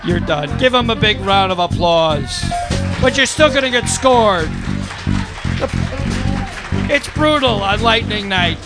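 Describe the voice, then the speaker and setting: A man's voice: high voice, wildly swooping pitch, slow, pauses often. A man emceeing a live open mic contest, playful and hyped as he works the crowd. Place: live venue with a band. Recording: loud guitar music behind the voice.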